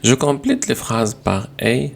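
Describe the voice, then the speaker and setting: A man teaching a grammar lesson, going through exercises slowly and repeating sentences as he corrects them. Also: mid-range voice, huge pitch swings, gravelly, slight background noise.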